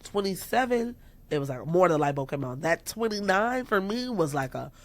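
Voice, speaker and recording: Here a woman of thirty, a musician, chats as a podcast guest in a lowish voice that runs a little fast. Lively and quick to laugh, she acts out things people said to her and quotes herself loudly.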